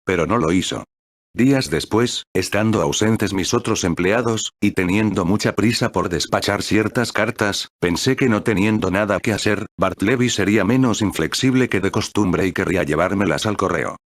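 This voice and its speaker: Deep-voiced male story narrator. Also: no room sound. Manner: measured, steady reading.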